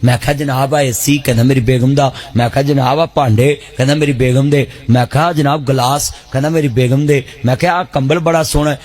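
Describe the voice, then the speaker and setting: A man telling a comic story in rapid repeated lines. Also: mid-range voice, fairly even intonation, darkish tone. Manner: rapid repetitive list-telling. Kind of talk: stand-up storytelling.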